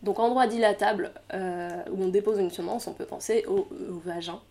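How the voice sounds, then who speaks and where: A woman lecturing to a class, working through each point out loud. She hesitates often, fills pauses and restarts her sentences, and her voice sits at an ordinary middle pitch for a woman. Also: steady tone. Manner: thinking aloud with many fillers and restarts; explanatory, laughs lightly at own remarks. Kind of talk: lecture on Quranic mysticism.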